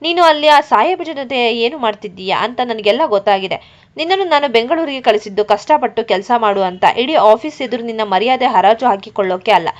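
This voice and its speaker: A woman's voice: a little high, expressive, fairly quick, natural voice. Woman reading an angry village mother. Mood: tearful anger. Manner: sobbing and scolding. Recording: dull lo-fi recording.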